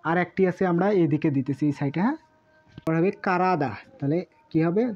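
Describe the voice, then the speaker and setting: A woman's voice: low voice, a little fast, dark tone. A woman teaching a language lesson, sounding out each word syllable by syllable and repeating it several times. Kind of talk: slow spoken lesson with repeated drilling. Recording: dull lo-fi audio.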